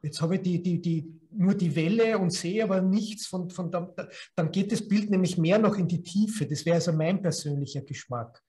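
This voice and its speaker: Mellow-voiced Austrian man discussing photos. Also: high voice, moderate pace. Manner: hesitant with restarts. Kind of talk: casual discussion. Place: studio room with concrete wall.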